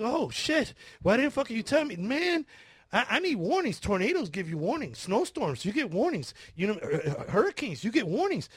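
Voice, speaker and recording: A man's voice: sits high, breathy edge, no room sound, clean studio sound. A man telling a story in a casual chat, laughing, swearing and acting out his own panicked screams.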